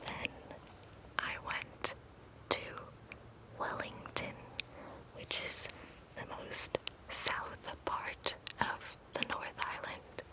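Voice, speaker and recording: A woman performing ASMR in a soft, unvoiced whisper, drawing words out and repeating them. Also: rough recording. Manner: very slow, drawn-out, repeats words for tingles.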